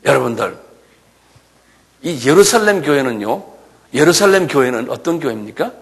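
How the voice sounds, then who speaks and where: A male pastor preaching a sermon in a church, animated and full of rhetorical questions. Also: mid-range voice, moderate pace. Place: church sanctuary.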